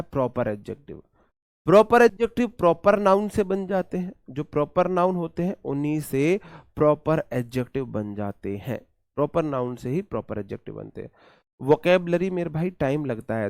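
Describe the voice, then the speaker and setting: A man's voice: a little high, darkish tone, dry recording, studio quality. A man with an Indian accent teaching an exam-prep English grammar lesson, repeating key points and quizzing his students.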